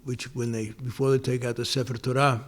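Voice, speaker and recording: An older man from New York reminisces as the interviewee in a casual oral-history interview. His voice sits at a medium pitch with little movement, and he rambles with many restarts and pauses.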